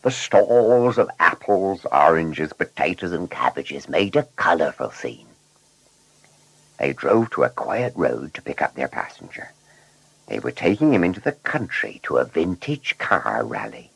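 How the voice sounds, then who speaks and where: A man narrating a children's story in an animated, scripted storytelling manner. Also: rumbling low, measured pace, vocal fry, slightly rough, dry recording, low-quality recording.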